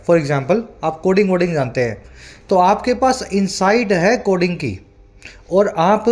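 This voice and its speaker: A man teaching English vocabulary in a Hindi lesson, explaining each word patiently, often asking if the viewer follows, and reading English example sentences slowly. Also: high-pitched, darkish tone. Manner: asks the viewer often whether they follow. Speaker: English tutor.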